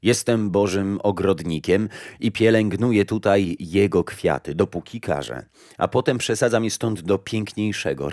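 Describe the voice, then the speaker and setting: A man reading the part of Death, a grim and solemn female keeper of a garden of souls, speaks in a low, hushed storybook voice. Every word comes out grave and measured. The recording is close and dry. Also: dry recording.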